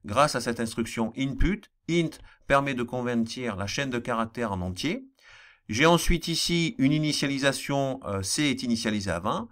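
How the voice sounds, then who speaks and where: A man with a slight accent walks students through a programming lesson at a mid-range pitch. He explains patiently and repeats the important points, with the odd filler between steps. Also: lively intonation, moderate pace, a bit bright. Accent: non-standard accent he apologizes for. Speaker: math teacher. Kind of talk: screen-recorded programming lesson.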